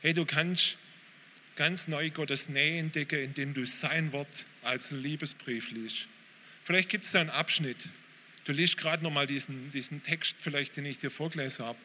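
A pastor preaching a sermon in a church hall, informal and direct, often calling out to listeners with "hey". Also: male voice, on the high side, moderate pace, pushed and bright. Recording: reverberant hall, faint room noise.

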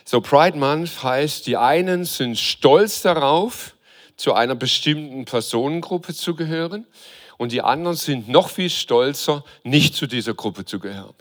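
A man's voice: on the high side, animated, a little slow. Emphatic man preaching. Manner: preaching with rhetorical questions, shifting between quiet and emphatic; addresses the congregation directly and informally. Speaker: pastor. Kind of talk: sermon.

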